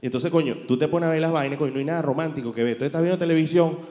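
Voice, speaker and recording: A Venezuelan man doing stand-up comedy, telling stories in a rambling, crude, animated way. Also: on the high side, rapid-fire. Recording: echoey hall with long reverb.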